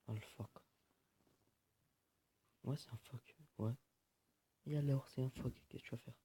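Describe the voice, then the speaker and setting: A man's voice: mid-range voice, steady tone, measured pace, dark tone, husky. A man giving casual, joking gameplay commentary, swearing often and muttering to himself. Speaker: gaming video host.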